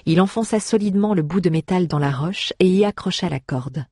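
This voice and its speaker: An audiobook narrator reading a fantasy story in an even, measured way. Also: medium pitch, breathy edge, dry recording, clean studio sound. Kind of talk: scripted narration.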